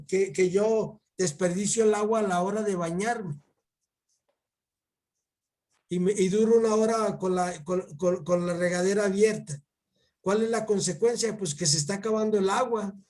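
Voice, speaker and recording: A man with a Mexican accent giving a religion lesson to a child, halting and repeating his words as he keeps calling the pupil by name. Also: high voice, darkish tone. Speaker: catechist teaching a child.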